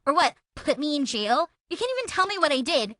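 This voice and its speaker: In a theatrical dramatic reading of a text exchange, a woman plays a belligerent, self-important woman in a feud, taunting and accusing with indignation. Her high-pitched voice is very animated, a little fast, pushed and bright, heavily acted in a dry, studio-quality recording.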